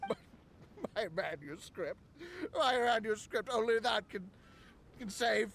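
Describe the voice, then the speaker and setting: A man's voice: sits high, unhurried, vocal fry, a bit bright, heavily acted. An actor playing a drunk, crazed male researcher who giggles and rambles in an unhinged way. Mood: manic, cackling.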